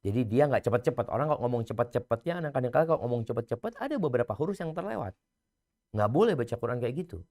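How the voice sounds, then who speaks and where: A man giving a religious lecture, swinging from loud emphasis to hushed, near-whispered lines and chanting scripture slowly. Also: medium pitch, lively intonation. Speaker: preacher.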